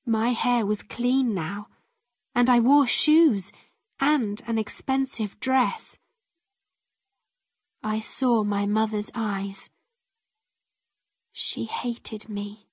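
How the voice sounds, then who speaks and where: A woman narrating an easy-level story in the first person, reading slowly and carefully. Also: fairly high pitch, husky, dry recording, clean studio sound. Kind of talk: slow graded-reader story narration.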